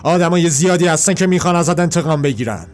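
A man doing a bitter, taunting young impostor from a comic story, in a fairly high male voice that throws accusations one after another. It sits over faint background music. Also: expressive, lightly acted. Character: bitter young man posing as a lost sidekick.

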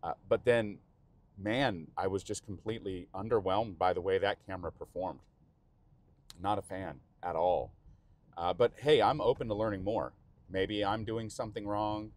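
Recorded on an in-car action camera, a vlogger with a Texan accent drives through rain while giving chatty, meandering commentary and cutting himself off. He speaks in a lowish, somewhat mellow voice at a moderate pace.

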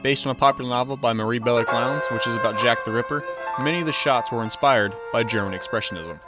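A young man reading the narration of a student film project in a plain, even way. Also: mid-range voice, quick pace, loud music behind the voice. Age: young adult. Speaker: student presenter. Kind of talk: read narration for a class project.

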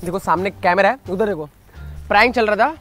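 Brief: high-voiced young male prankster, teasing and pushy, outdoors in rain. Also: a little fast, music in the background. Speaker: prank vlogger. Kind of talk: street prank chat. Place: outdoors on a rainy street. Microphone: hidden camera mic.

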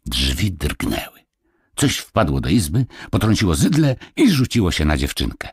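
A man narrates a children's fairy tale in an expressive storytelling manner. His voice is very low and husky, with a lively melody. The recording is dry and close. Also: normal speed, no echo. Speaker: audiobook narrator. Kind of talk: fairy-tale audiobook reading.

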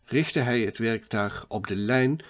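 A male narrator reads a classic adventure story aloud in a steady, measured way. His voice sits in an ordinary middle pitch for a man. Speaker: audiobook narrator. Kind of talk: scripted audiobook narration.

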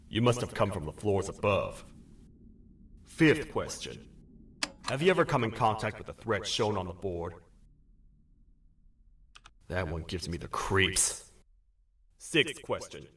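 A gruff toad sheriff from a video game, speaks in a fairly low, swinging voice. He is stern, wry and dutiful, a folksy lawman. The voice sits a little away from the mic with music behind it. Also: very animated, a little slow, long pauses, a bit bright, recorded from a distance, a little hiss or hum, heavily acted. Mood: stern, interrogating. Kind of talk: video game character acting.

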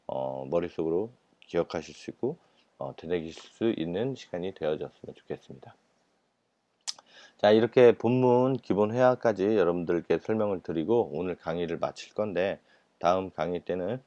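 A man's voice: deep voice, warm tone, dry recording, highs cut off. A man teaching Japanese in a recorded lecture, explaining patiently with many fillers and repeated words. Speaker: Japanese language instructor.

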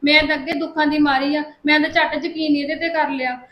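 A woman's voice: sits high, steady tone, fast talker, fairly bright tone, echoey room. A woman playing an aunt who insists on keeping her nephew. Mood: pleading. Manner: insistent, pleading. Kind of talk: family drama acting.

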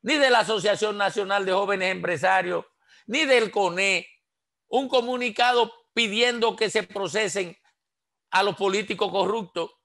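This Dominican man in his sixties speaks as a political commentator on a radio panel, joining by headset on a video call from a small indoor room. His voice sits high and fairly bright, with vocal fry and a measured pace. He argues with passion and emphasis, firing off rhetorical questions and gesturing as he talks.

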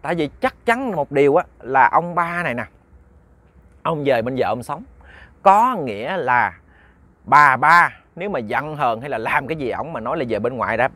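A man's voice: mid-range voice, pushed and bright, dry recording. A man retelling a ghost story in a casual, chatty way.

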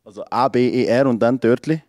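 A man's voice: medium pitch, a little fast, a little mellow, dry recording, clean studio sound. A young man with a Swiss German accent, playfully presenting as a roving reporter with a handheld microphone in an office. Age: young adult. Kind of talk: playful vox pop presenting. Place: open-plan office.

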